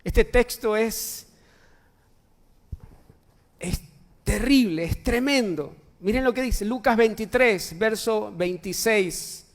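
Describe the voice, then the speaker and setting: A high-pitched man preaches a sermon from a church pulpit. He presses his points hard, repeating phrases and firing rhetorical questions at the congregation. His voice rings out with a long, echoing hall reverb. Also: slow, pauses often. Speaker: pastor. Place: church sanctuary.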